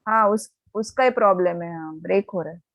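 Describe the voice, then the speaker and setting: A woman teacher, heard over an online call line, explaining a problem step by step with quick asides. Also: lowish voice, no echo. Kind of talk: online physics lesson. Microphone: computer or phone mic on a video call. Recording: tinny call-line audio.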